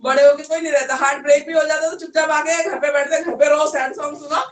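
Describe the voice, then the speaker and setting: A woman's voice: sits high, fairly even intonation, fast talker. A young woman teaching a class, firm and scolding as she warns her students. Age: young adult. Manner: strict, scolding, addresses students as beta. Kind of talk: classroom lecture. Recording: echoey classroom from far off.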